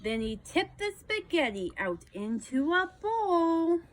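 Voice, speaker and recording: A woman reading a children's picture book aloud, expressive and unhurried. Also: very high voice, rough recording. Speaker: storybook reader.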